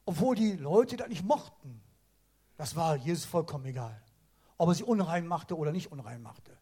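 A man's voice: on the high side, moderate pace, slightly rough. A man preaching a casual sermon, retelling stories in colloquial slang. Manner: colloquial, animated storytelling with slang.

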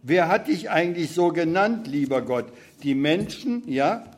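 A grieving young war returnee hurls bitter accusations, his voice climbing higher and louder. A man acts him out in a sermon reading. The speech is slow and heavy. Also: expressive. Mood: accusing. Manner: accusing, rising to outbursts.

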